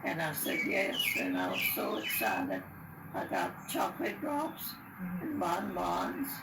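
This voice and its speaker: A very old woman, over a hundred, recalls her past in halting, unscripted short phrases. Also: fairly low pitch, huge pitch swings, gravelly. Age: very old, over 100. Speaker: interviewee recalling childhood. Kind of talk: unscripted reminiscence. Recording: roomy, distant, noisy with birdsong.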